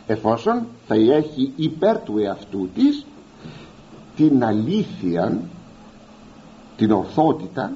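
A man delivers a sermon in a fairly high, very animated voice that rises and falls constantly. He speaks straight to his congregation and stretches out the words that matter most. The recording sounds dull and lo-fi. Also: slight background noise. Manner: emphatic, slowly drawing out key words; addresses listeners directly as "beloved". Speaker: preacher.

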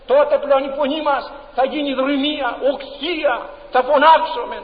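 A man's voice: very high-pitched, steady tone. A man preaching a sermon in a church, impassioned and emphatic, with many rhetorical questions. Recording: dull, long-reverb church recording.

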